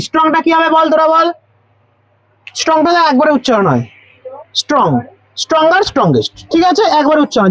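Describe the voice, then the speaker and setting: High-voiced tutor quizzing students. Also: no room sound, poor audio. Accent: Bengali. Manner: keeps asking students questions and repeating answers; spells words out letter by letter. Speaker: teacher. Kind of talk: grammar lesson for school students.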